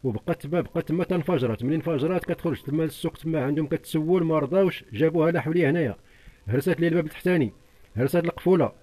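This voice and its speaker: A man's voice: a little high, racing, warm tone. An older man with a Moroccan accent giving an urgent, repetitive, pleading account as an interviewee. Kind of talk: distressed eyewitness account.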